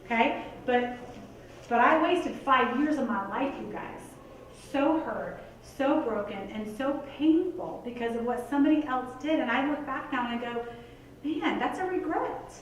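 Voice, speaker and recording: A woman's voice: on the high side, normal speed, a little hiss or hum. A woman giving a motivational talk to a live audience, earnest and conversational, full of "like" and "you guys". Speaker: motivational speaker. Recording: echoey hall picked up from a distance.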